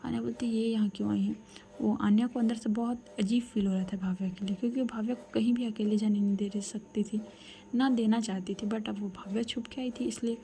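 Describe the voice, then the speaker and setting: A young adult woman telling a serialized love story in a soft, breathy, half-whispered voice, with casual asides to the listener. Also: a little high, fairly even intonation, brisk, slight background noise. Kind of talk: hushed serialized story narration.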